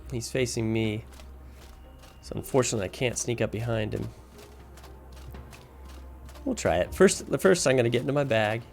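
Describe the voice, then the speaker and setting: Thinking aloud as he plays, a man casually guides viewers through a video game and explains his choices. His mid-range voice has a darkish tone, a moderate pace, and long pauses, with music underneath.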